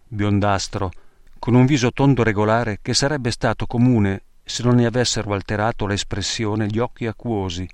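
Grave low-voiced male narrator. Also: a little mellow, clear, resonant tone, no echo. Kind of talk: reading a memoir aloud.

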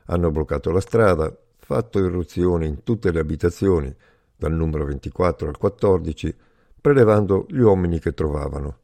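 A man's voice: sits low, moderate pace, mellow. A man voicing a young male prisoner, the narrator's friend, who talks frankly and teases a little. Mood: plain. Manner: light, teasing, frank.

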